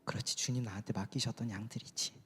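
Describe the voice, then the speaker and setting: A man voicing a remorseful disciple who answers quietly and with deep sincerity. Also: fairly even intonation, fast, slight background noise, lightly acted. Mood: earnest. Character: remorseful male disciple, earnest and heartfelt. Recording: long church hall reverb.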